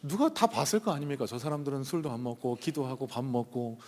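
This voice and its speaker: A man of ordinary pitch preaches from the pulpit, recounting a story in a chatty way with many hesitant pauses and fillers. His voice rings out with the long reverb of a church sanctuary. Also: darkish tone. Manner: conversational anecdote with frequent hesitant fillers. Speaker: pastor. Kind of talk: storytelling sermon.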